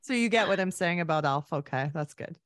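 In a lowish, brisk voice with lively intonation, a Canadian-accented woman runs a podcast conversation. The interview with her guest is casual and friendly.

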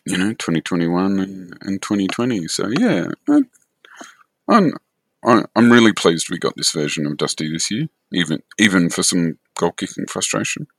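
Deep voiced aussie bloke talking sport on a podcast, dry audio, careful and a bit hesitant. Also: male voice, very animated, normal speed, slightly rough, dry recording. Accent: Australian. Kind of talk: casual sports discussion. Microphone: online call microphone.

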